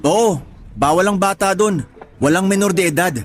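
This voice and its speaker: Speaking at a normal pace with a naturally high-sitting voice, a Filipino-accented man plays a teasing, practical 27-year-old friend, slightly older, in colloquial radio drama dialogue. The banter is casual and informative, with soft music playing underneath.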